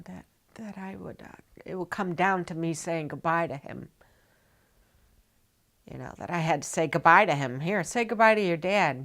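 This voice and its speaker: A woman with a Pittsburgh accent telling a personal story from childhood in a halting, emotional way that often drops to a hush, with music behind her. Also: fairly low pitch, creaky. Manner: halting, emotional, dropping to hushed near-whispers. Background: plucked guitar music.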